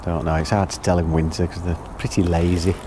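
A man's voice: low-pitched, little pitch movement, fairly quick, background noise. A middle-aged man, talking casually to camera outdoors beside a lake, chatting through his plans. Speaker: angler vlogger.

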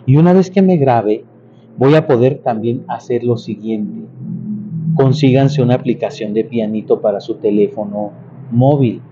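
A man's voice: medium pitch, moderate pace, warm tone. A man giving a casual singing lesson, explaining patiently with many restarts and examples. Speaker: church music and singing teacher. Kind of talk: casual vocal lesson with sung demonstrations. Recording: dull, slightly lo-fi sound with faint noise.

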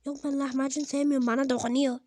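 A woman voicing a cheeky male gravedigger with a shovel in a mobile game, squeaky and defiant, always talking back. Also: flat delivery, quick pace, warm tone, no room sound, studio quality, close to an everyday voice. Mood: fussy.

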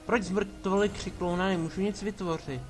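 A man's voice: high-pitched, fairly even intonation. A man giving casual commentary while playing a game, bossing his party members around with sarcastic asides. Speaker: let's play gamer. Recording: game music behind voice. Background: game music.

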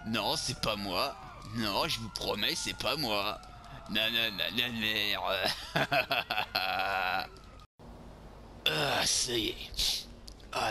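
Man doing a crude drunk lout, gravelly, slow, sing-song, game noise behind. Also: on the low side, sharp tone, heavily acted. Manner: crude, vulgar grumbling, talking to himself while playing. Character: boorish drunk beer-loving lout, man, crude and brash. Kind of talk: game role-play commentary.

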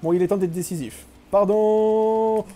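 A man's voice: on the high side, brisk, mellow. A young man streaming a live game, chatting with his viewers, joking and mocking himself as he plays. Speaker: gaming streamer. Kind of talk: live gameplay commentary.

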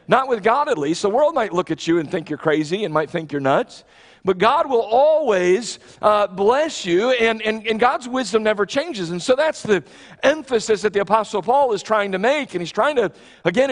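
Earnest American pastor, high voice, church reverb. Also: male voice, a bit bright. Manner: earnest, restarts phrases, emphatic swells. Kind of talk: sermon. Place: large church sanctuary, on the platform.

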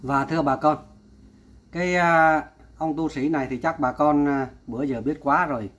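A man vlogs an exasperated commentary, addressing his viewers directly and repeating exclamations of disbelief. His voice is a little high and a bit bright, with a steady tone and normal speed.

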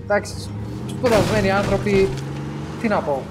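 A man's voice: sits high, noisy background. Chatty man playing a game. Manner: chatty, joking, swears, mixes English game terms. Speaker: gameplay commentator. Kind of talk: casual Greek let's-play commentary.

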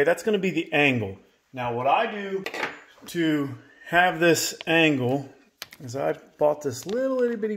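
A man in his thirties giving a casual workshop tutorial, talking straight to viewers and checking in with a folksy "okay?" between steps. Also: fairly high pitch. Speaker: chainsaw maintenance presenter. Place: indoor home workshop.

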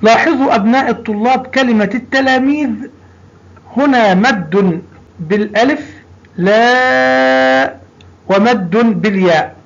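A man's voice: high-pitched, normal speed. A man teaching a primary school language lesson, patiently drawing out sounds and repeating words for young pupils. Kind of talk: recorded classroom lesson. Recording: dull lo-fi recording.

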